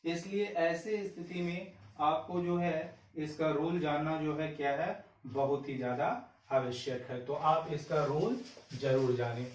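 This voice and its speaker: A man teaching English grammar in Hindi, often asking himself questions and slowly dictating the example sentences word by word. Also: fairly high pitch, fairly even intonation. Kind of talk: Hindi-language grammar lesson. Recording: echoey room, voice a bit far from mic.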